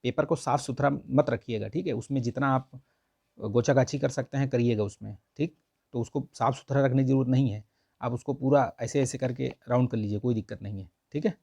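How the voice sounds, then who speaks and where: Husky, dark-voiced male Hindi teacher. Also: medium pitch, a little fast, no echo. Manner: repeats "theek hai" constantly, coaxing and explanatory. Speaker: exam prep teacher. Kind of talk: online Hindi grammar lesson.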